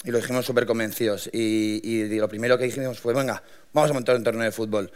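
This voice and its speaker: A young man, telling his founding story to an audience in a lively, colloquial way with many restarts. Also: medium pitch, fast, clear, resonant tone. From Madrid, Spain. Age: 20s. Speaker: young entrepreneur giving a talk.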